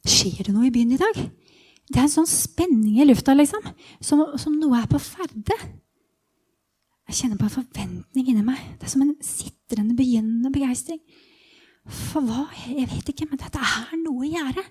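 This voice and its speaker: A woman voicing a blind male beggar who longs to be healed, in a hushed first-person inner monologue that often drops to a whisper, as part of a guided Bible meditation. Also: high-pitched, husky. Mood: expectant.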